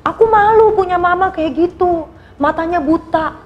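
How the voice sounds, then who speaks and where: A woman's voice: extremely high pitch, moderate pace, lo-fi sound, pitched above the performer's own voice. Woman doing a whiny little girl. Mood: sulky. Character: sulky young girl, ashamed then remorseful.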